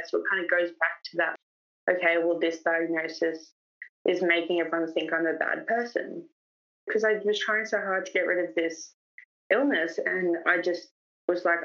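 A woman's voice: on the low side, a bit bright, recorded from a distance, muffled recording. A young woman from Australia, an interview guest, candidly telling her personal story in a rambling way, full of "like" fillers.

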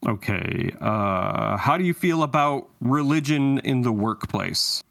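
A man playing a formal, deadpan male human resources interviewer in a comedy sketch. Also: medium pitch, takes it slowly, creaky, exaggerated voice.

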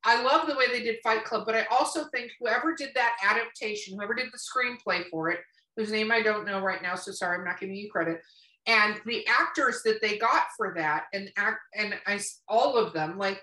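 A woman co-hosts a podcast in casual chat, speaking bluntly and emphatically and swearing freely. Her medium-pitched voice has a sharp tone and moves a little fast, and the recording has a roomy echo, as if she's distant from the mic.

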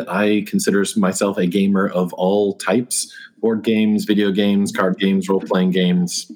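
A man's voice: low voice, husky. A man in his thirties or forties chatting informally as an interview guest, thinking aloud as he goes. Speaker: guest, board game designer and artist. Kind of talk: casual interview chat.

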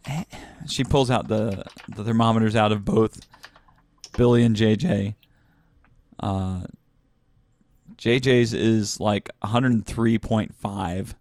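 Relaxed man running a tabletop game. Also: lowish voice, slow pace, pauses often, dry recording. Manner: relaxed, hesitant narration with fillers. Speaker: game master.

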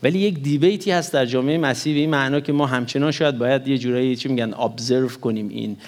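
A man delivers a sermon in a teaching voice at an ordinary middle pitch. He preaches with animated emphasis, rising sharply on key words, and mixes a few English terms into his speech. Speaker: pastor.

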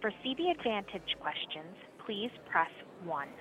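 A woman's voice on a recorded automated phone menu message, reading polite scripted prompts in an even announcer manner. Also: mid-range voice, a little slow, slight background noise, low-quality recording.

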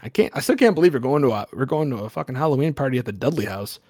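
A man's voice: medium pitch, animated, racing, a little mellow, no echo, clean studio sound, lightly acted. A man voicing a teenage boy who is stoned, talking in a laid-back, profane way.

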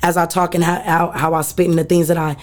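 A woman's voice: lowish voice, level tone, quick pace. A woman in her thirties, a rapper, talking candidly and emphatically in a casual interview, often adding "you know what I'm saying". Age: 30s. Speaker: rapper and singer, interview guest.

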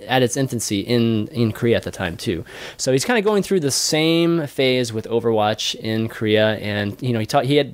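A man's voice: mid-range voice, no room sound. A man hosting a casual panel podcast, leading the talk with a rambling delivery full of fillers and restarts. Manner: rambling, many "uh" and "you know" fillers. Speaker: podcast host.

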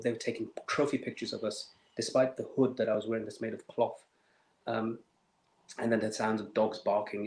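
A man telling a painful personal story in an interview, measured and emotional, with many fillers and restarts. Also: mid-range voice, echoey room, poor audio. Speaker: interview guest.

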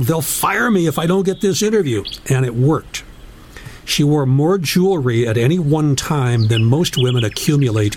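A man reading a written tribute aloud as narrator, in a measured, solemn storytelling manner. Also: medium pitch, darkish tone, a little hiss or hum.

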